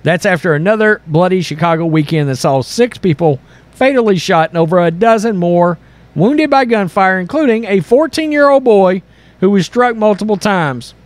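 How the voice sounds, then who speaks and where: This man hosts an online commentary channel, and his voice is high-pitched and animated at a normal speed. He reads news aloud and reacts bluntly, sarcastically and with exasperation, mixing in opinionated political commentary.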